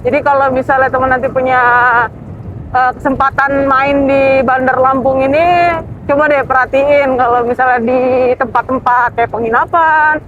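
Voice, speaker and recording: A woman's voice: sits high, steady tone, normal speed. Young woman, casual vlog, rambling, dull outdoor recording, faint noise. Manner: chatty, hesitant, trails off with fillers. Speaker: travel vlogger. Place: outdoors at a ferry port.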